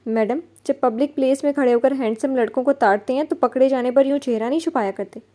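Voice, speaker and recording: A cool young man who teases with calm mockery, read by a woman narrating a novel. The voice is slightly high and warm. His lines land smooth and unhurried. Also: lightly acted. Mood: mocking. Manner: cool and teasing.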